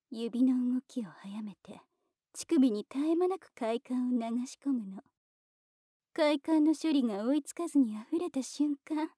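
A woman's voice: high voice, slightly rough, no room sound, studio quality, exaggerated voice. A woman playing a teasing, commanding mistress. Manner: slow, coaxing, with soft whispers. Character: teasing dominant adult woman, commanding and condescending. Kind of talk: whispered erotic ASMR roleplay.

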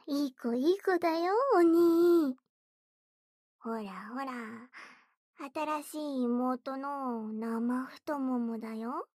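A woman's voice: extremely high pitch, darkish tone, no room sound, studio quality. A woman voicing a bratty, teasing young stepsister girl in a whispered role-play, taunting and giggly as she coaxes.

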